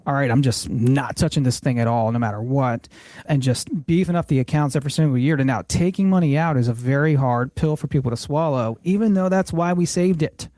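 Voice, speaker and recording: A man's voice: medium pitch, a little fast, warm tone, no echo. A man hosting a finance podcast, explaining retirement planning in a casual, earnest way and often restating a point to reframe it. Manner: earnest, explanatory, repeats phrases when reframing. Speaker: financial planner, show host.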